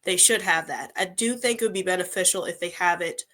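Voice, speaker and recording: A woman's voice: fairly low pitch, brisk. A young woman in her twenties hosting a casual interview, chatty and full of "like" fillers. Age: 20s. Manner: chatty, frequent "like" fillers, lively when quoting others. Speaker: host.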